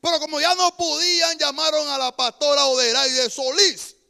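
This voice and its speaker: A male pastor preaching a sermon, building to shouted lines and then dropping to a quieter, joking tone. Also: extremely high pitch, little pitch movement, moderate pace, vocal fry.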